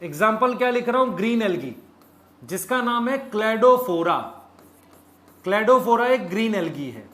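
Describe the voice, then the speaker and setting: A man's voice: sits high, expressive, moderate pace, fairly bright tone. A man teaching biology in a live online lecture in speech, repeating key points and quizzing his students.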